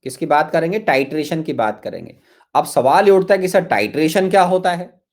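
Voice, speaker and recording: Guy teaching chem online, fairly high voice, keeps saying listen listen, warm coaxing. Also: lively intonation, a little fast. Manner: coaxing, repeats phrases, calls students "my children". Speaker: chemistry teacher. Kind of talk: online class lecture.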